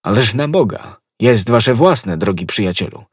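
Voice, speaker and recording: An impetuous young swordsman, urgent and earnest, as a male narrator voices him. The voice is husky and lifted above the reader's own low register, and it sounds close and dry. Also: animated, a little slow, dry recording. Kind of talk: audiobook reading.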